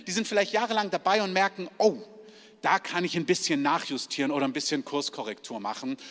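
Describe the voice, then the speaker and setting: A man's voice: fairly high pitch, a bit bright. A male pastor giving a chatty, confiding sermon, acting out quoted prayers and dialogue to a congregation. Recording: long hall reverb.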